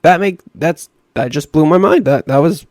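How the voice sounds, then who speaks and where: A young man with a raspy voice giving rambling, self-deprecating commentary over a video game. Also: on the high side, moderate pace, no echo, studio quality. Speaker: gaming YouTuber. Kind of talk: casual gameplay commentary.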